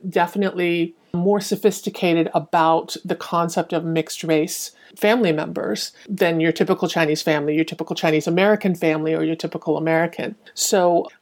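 Woman guest, Hong Kong-born, US-raised, slightly low pitch, earnest and talkative, video-call sound. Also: steady tone, brisk, hardly any pauses. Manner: earnest, talkative, many restarts. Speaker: podcast guest. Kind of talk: casual panel discussion.

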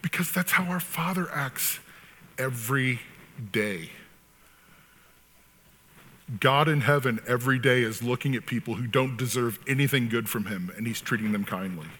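A man's voice: mid-range voice, normal speed, sharp tone, husky, big-room sound. A man preaching a sermon in a conversational way, with sarcastic asides and acted-out quotes. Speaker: pastor.

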